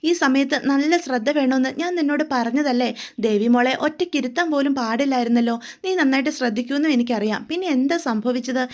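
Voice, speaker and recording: A woman's voice: high voice, fast, natural voice. A woman voicing an elderly grandmother who keeps pressing her weeping daughter with questions. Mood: alarmed. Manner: coaxing, repeated pressing questions. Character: elderly grandmother, pleading and insistent.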